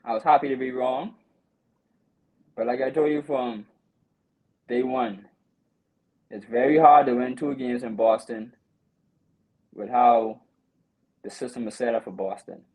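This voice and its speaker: Regular-pitched guy going over the game, says bro a lot, animated. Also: unhurried, long pauses, rough recording. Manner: animated game breakdown, repeats "you know" and "bro". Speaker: podcast host. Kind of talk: casual sports chat.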